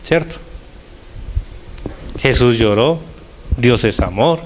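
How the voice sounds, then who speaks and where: An older man preaching a sermon as a lay minister, slowing down and dropping his voice to stress key words. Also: mid-range voice, animated, slight background noise. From Colombia. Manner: deliberate, slows and drops his voice on key words.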